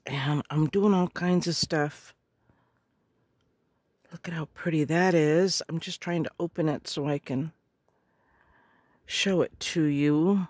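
A middle-aged woman with a slightly hoarse voice gushes over each craft supply she unwraps, often clearing her throat. Her voice sits a little low and she speaks slowly, lingering on her words. The sound is close and dry, with no room echo. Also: steady tone, darkish tone. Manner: gushing, slow and murmuring. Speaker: craft vlogger. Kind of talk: casual unboxing chat.

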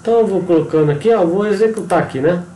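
A man's voice: high voice, racing, warm tone. Brazilian man explaining, echoey room. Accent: Brazilian Portuguese. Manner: explanatory, frequent tag questions and pointing words. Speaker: engineering instructor. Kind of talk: screen-recorded tutorial walkthrough.

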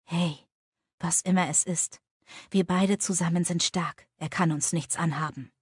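A tender young man speaks low and soft to the woman he loves, as a woman reads him in a romance audiobook. The voice is husky and breathy, and it sits close and dry with no room around it. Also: fairly even intonation, a little slow, no echo. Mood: reassuring.

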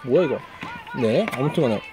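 A woman's voice: extremely low pitch, lively intonation, fairly quick. A woman reviewing new toys in a chatty vlog, often exclaiming in wonder at what she finds. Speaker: toy reviewer. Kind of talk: excited toy review vlog. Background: background music.

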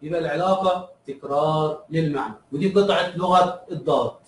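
A man's voice: fairly high pitch, fairly quick, reverberant, recorded from a distance, slight background noise, poor audio. A man with an Egyptian Arabic accent teaching a review lesson, asking his students questions and answering them himself, repeating key terms.

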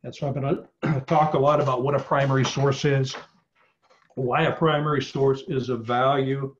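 A man's voice: mid-range voice, flat delivery, moderate pace, a little hiss or hum. A middle-aged man giving a casual online presentation, with many fillers and restarts, speaking over a video call. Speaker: genealogy presenter. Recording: slightly dull video call audio.

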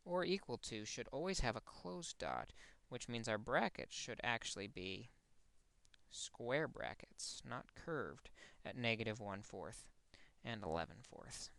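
Male math teacher, methodical explainer, resonant with some fry, dry close mic. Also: medium pitch, animated, unhurried, a bit bright, no room sound. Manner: explains step by step, corrects his own slip. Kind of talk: recorded math lesson.

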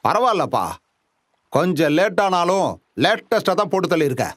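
Smug, high-voiced gang boss. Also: male voice, expressive, moderate pace, fairly bright tone, no room sound. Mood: smug, coaxing. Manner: condescending, coaxing threats. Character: scheming male gang boss, smug and menacing. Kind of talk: Tamil film dub.

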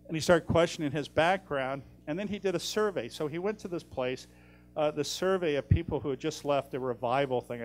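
A middle-aged man, a guest speaker answering audience questions, blunt and animated with jokey asides. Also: a little high. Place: lecture room in a library. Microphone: handheld mic.

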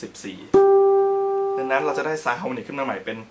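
A man gives a relaxed guitar lesson at a middle pitch, chatty and polite as he walks through each step. He demonstrates on the instrument as he talks, and his own guitar playing rings out clearly between his explanations. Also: fast talker. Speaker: guitar teacher. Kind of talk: casual instructional video. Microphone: own camera.

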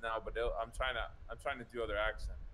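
A man's voice: fairly low pitch, steady tone, quick pace, sharp tone, slight background noise, poor audio. A man from Florida bantering casually during a roleplay game, joking and swearing freely. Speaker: roleplay streamer.

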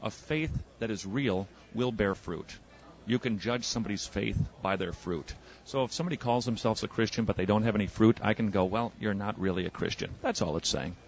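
Low-voiced man evangelizing outdoors, fast probing questions, muffled old radio recording. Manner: probing, rapid-fire questioning. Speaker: street evangelist and radio host. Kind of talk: street debate. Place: outdoors on a city street.

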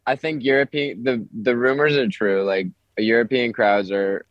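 A man, a young touring musician, talking over the phone in a relaxed, rambling way with lots of filler words. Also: mid-range voice, normal speed, no echo. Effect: heard over the phone. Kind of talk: casual phone interview. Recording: dry, muffled phone line.

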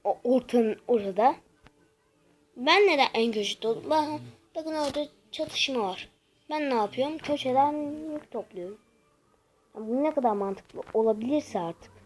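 Excitable young female game commentator. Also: on the high side, normal speed, poor audio. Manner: excitable, frustrated outbursts, talks to viewers. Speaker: gameplay commentator. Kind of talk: casual gameplay commentary.

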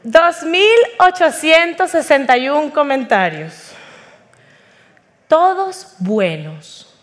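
A woman's voice: sits high, big pitch swings, takes it slowly. A woman giving a chatty, self-mocking testimony talk on an auditorium stage before a live audience, acting out the voices in her quotes. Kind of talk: humorous personal testimony talk.

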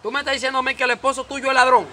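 A man's voice: very high-pitched, level tone, very fast, heavy background noise. A man playing a firm, lecturing farm boss in an amateur short-film drama. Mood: stern. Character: stern farm boss and friendly neighbor.

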